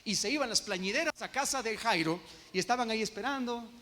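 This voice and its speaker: A man with a Guatemalan Spanish accent preaching an expository sermon as pastor, emphatic and slowing down on key phrases. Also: high voice, sharp tone. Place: church sanctuary. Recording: long reverb of a church hall.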